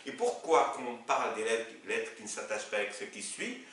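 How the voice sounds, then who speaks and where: Standing at a board, a male Arabic teacher explains his lesson slowly and repetitively, frequently urging students to look with "regardez." His mid-range voice is sing-song and fairly bright, heard from afar in an echoey room with faint noise.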